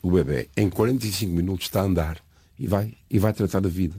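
An older man talks in a very deep, husky voice. He tells stories and lectures in a reflective, digressive way. The recording is dry and close. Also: quick pace, mellow, no echo. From Azores, São Miguel. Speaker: interview guest. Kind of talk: conversational storytelling interview.

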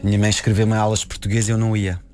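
A man's voice: on the low side, level tone, rapid-fire, darkish tone, soft background music. A man born and raised in France, a film director speaking Portuguese as an in an interview, hesitant and full of restarts. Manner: hesitant, many restarts and repeated words. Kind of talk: conversational interview.

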